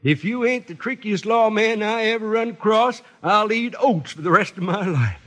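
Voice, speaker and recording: A grateful, folksy sheriff in an old radio western. His voice is pitched high, and he speaks in a rustic American drawl. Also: expressive, normal speed, fairly bright tone. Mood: grateful, admiring.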